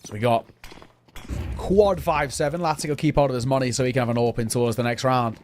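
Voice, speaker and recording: A man's voice: mid-range voice, fast talker, darkish tone. A man commentating live on an esports match as a play-by-play caster. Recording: noisy, game gunfire and clicks behind.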